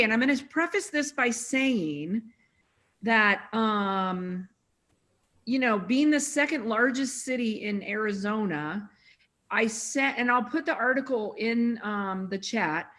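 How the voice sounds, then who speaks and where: A woman's voice: on the high side, animated, a little slow, a bit bright. A woman hosting a casual video call meeting, chatting loosely with many restarts. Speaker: meeting host.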